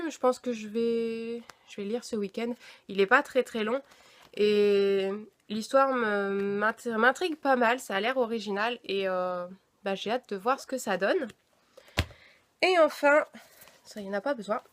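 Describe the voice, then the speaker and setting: Chatty young woman with a high voice. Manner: chatty, hesitant with many fillers. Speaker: book vlogger. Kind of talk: casual book haul vlog.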